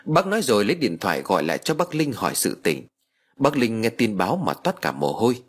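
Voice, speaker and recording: A man narrating a horror story as an audiobook reader, with an expressive, lively delivery and a husky voice. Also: fairly low pitch, brisk.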